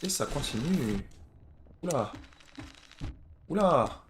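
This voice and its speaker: A man's voice: a little high, expressive, slow pace, slight background noise. A man from France with a French accent, giving casual let's-play commentary while swearing and chatting. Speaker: streamer.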